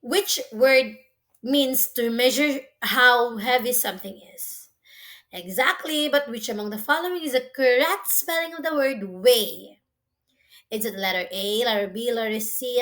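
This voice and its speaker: A woman teacher giving a slow school dictation quiz, asking questions deliberately and confirming the answers with encouragement. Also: a little high, a bit bright. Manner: slow, deliberate delivery, spelling words out letter by letter; encouraging, praising the listener.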